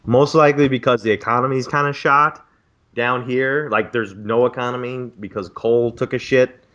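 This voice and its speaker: A man's voice: mid-range voice, steady tone, moderate pace, a bit bright, highs cut off. A man in his twenties, a graduate student, on a casual podcast, ranting profanely and with exasperation about bureaucracy. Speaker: podcast co-host.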